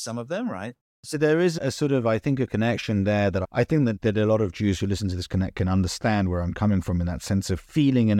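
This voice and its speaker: A man's voice: lowish voice, a little mellow, no echo, studio quality. A man, a podcast guest speaking earnestly and fluently, often restarting his words. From United Kingdom. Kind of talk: podcast interview.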